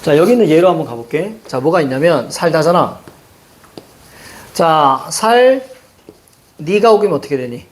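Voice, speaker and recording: A man teaching a Korean grammar lesson, peppering his explanation with quick questions to the class. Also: fairly high pitch. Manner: lively, rhetorical questions to students, frequent "자".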